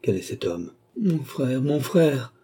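Guy reading a scared young woman in a trance, voice cracks up high, breathy and dark. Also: very animated, takes it slowly, heavily acted. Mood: anguished. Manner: breathless, pleading cries rising high. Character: young woman, entranced, anguished and terrified.

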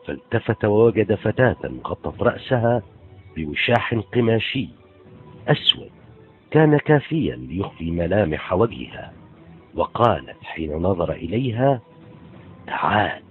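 Fields: deep-voiced male storyteller, phone-like audio. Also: very animated, normal speed. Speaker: narrator. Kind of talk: novel reading. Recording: tinny phone-like sound, faint music.

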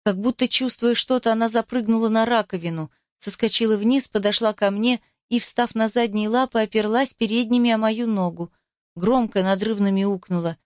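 A woman's voice: a little high, moderate pace, no room sound, studio quality. Woman narrating a novel with feeling. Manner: emotional, expressive reading. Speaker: audiobook narrator. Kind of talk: first-person novel narration.

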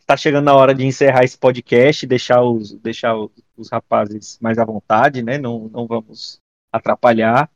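A Brazilian man hosting a podcast in casual chat, halting and repeating words as he thinks. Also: medium pitch, fairly even intonation, no echo. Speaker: podcast host. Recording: dry but slightly dull audio.

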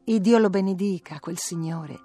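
A gentle young peasant woman speaks softly and hesitantly, close to tears, as a woman reads her part. Her voice is low and breathy, in a storybook reading. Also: moderate pace, soft background music, close to an everyday voice. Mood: grateful. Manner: soft, tearful, hesitant.

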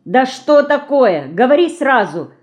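Lady doing a hot-headed young girl, high and sharp, snapping back. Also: big pitch swings, a little slow, highs cut off. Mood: impatient. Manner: sharp, indignant outbursts. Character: hot-tempered young city girl, quick to flare.

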